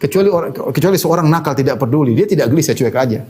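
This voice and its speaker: A man's voice: on the high side, expressive, rapid-fire, mellow, breathy edge. A man giving a religious lecture in a conversational way, often adding "ya" and quoting Arabic sayings. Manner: conversational, frequent "ya" fillers, quotes Arabic hadith. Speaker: Islamic preacher.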